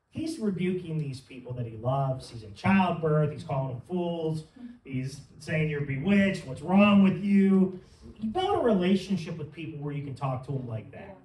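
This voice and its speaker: Fervent high-voiced male preacher. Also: very animated, moderate pace, darkish tone. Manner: fervent, rising to emphatic peaks. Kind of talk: sermon. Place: church sanctuary. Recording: roomy sound from some distance.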